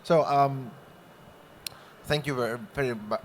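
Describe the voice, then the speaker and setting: A man from Greece talks on a conference panel in a mid-pitched voice. He speaks expansively and with good humor, reaching for vivid images. Faint room ambience sits behind him. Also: a little slow, a little hiss or hum. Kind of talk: panel discussion remarks.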